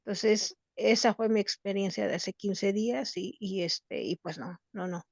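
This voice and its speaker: A woman's voice: medium pitch, steady tone, darkish tone, no echo, muffled recording. Earnest middle-aged Mexican woman. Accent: Mexican Spanish. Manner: earnest, halting, with many restarts. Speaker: workshop participant. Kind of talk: personal story shared in a group session.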